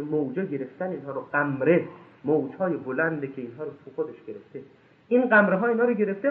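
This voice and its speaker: A man preaching an impassioned sermon, reciting scripture verses slowly and swinging between loud high outbursts and low hushed asides. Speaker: religious lecturer. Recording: echoey, tinny lo-fi recording.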